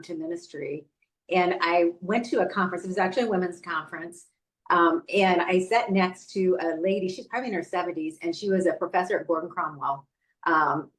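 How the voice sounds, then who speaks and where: A woman's voice: fairly low pitch, far from the mic, poor audio. A middle-aged woman guest in a conversational interview, telling earnest stories with many fillers. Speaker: guest, ministry leader.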